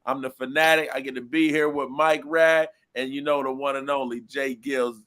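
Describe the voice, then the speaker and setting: A man hosting a live sports talk show in a studio, animated and hyped, with loud exclamations. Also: mid-range voice, normal speed. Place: small studio.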